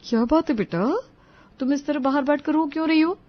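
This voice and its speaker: A woman voicing a kind, motherly neighbor in a cartoon story, gentle and reassuring. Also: sits high, a little fast, muffled recording, natural voice. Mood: comforting. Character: kindly middle-aged female neighbor, motherly.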